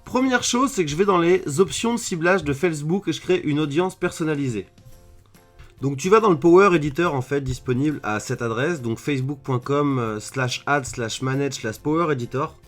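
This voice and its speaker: A man's voice: a little high, normal speed, soft background music. Casual French man explaining on webcam. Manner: casual, many fillers, addresses viewer as tu. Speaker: online marketing trainer. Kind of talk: screen-share tutorial. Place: at his desk indoors. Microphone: computer webcam mic.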